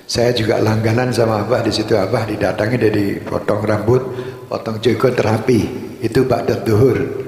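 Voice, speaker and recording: A man giving a calm religious talk, recalling past events unhurriedly. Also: lowish voice, moderate pace. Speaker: religious leader. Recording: echoey hall with long reverb.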